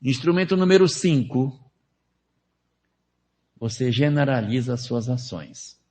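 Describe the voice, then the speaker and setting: A man's voice: mid-range voice, lively intonation, measured pace, darkish tone. A man lecturing at a spiritist seminar in a conversational way, with rhetorical questions and numbered steps. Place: lecture hall at a spiritist center.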